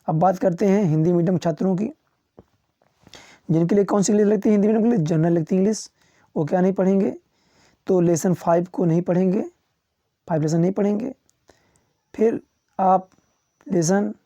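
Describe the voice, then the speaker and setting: A man teaching as a coaching tutor, walking students through which topics to skip. He lists them one by one with small chuckles and slows down to read English titles. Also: high voice, mellow, dry recording, highs cut off. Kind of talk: syllabus walkthrough for students.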